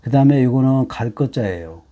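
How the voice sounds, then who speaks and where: A middle-aged man teaching hanja in a lecture, explaining slowly with many fillers and rhetorical questions. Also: mid-range voice, lively intonation, warm tone.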